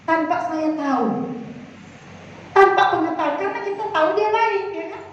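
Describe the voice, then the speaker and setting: A middle-aged woman pastor tells stories from the pulpit in a chatty, lively sermon, slipping into the voices of the people she quotes. Her voice sits very high, and it reaches the mic from far off. The sound is dull and soaked in the long echo of a large hall. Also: normal speed, a little hiss or hum. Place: church hall.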